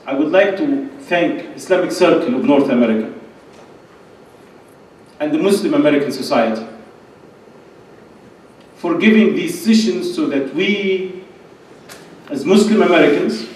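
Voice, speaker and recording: A middle-aged man at a podium in a large indoor lecture hall delivers an impassioned, emphatic religious and political speech as a conference speaker, using short repeated phrases. His voice is a little high and darkish, measured with frequent pauses. The distant mic catches hall echo and slight hiss or hum.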